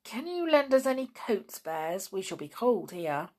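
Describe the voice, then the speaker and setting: A woman reading aloud and voicing Moonface, a little magical man who pleads and urges with raised pitch. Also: sing-song, unhurried, a little mellow. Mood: urging.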